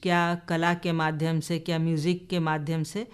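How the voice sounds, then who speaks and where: A woman's voice: low voice, flat delivery, normal speed, smooth. A woman hosting a radio interview in a studio, politely affirming her guest and adding examples of her own. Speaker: radio host.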